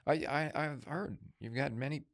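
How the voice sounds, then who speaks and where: A man co-hosting a casual movie podcast, speaking in a low-key, halting way. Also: gravelly, a bit bright. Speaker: podcast co-host.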